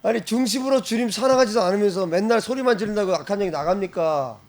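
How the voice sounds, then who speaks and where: A male pastor preaching an animated sermon, breaking into loud shouted exclamations and frequent laughter. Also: sits high, quick pace.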